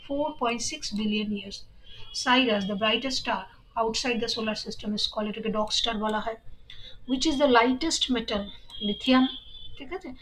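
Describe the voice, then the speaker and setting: A woman with a Bengali accent teaching an exam-prep lesson, reading questions out slowly and then explaining the answers briskly. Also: fairly high pitch, pushed and bright, rough recording.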